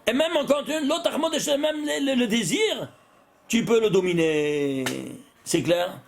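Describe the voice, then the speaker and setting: Older male rabbi, lecturing style, high and very lively pitch, asks and answers his own questions. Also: measured pace, gravelly. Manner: animated, asks the class questions and answers them himself; repeats words and restarts phrases. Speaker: rabbi teaching Torah. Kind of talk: Torah lesson with gematria.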